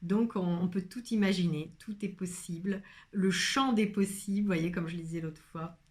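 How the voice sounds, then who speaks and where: A woman voice coach talking straight to her viewers in a soft, earnest, meandering way, full of hesitations and fillers. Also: lowish voice, normal speed. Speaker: voice and singing coach. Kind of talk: casual spoken video monologue.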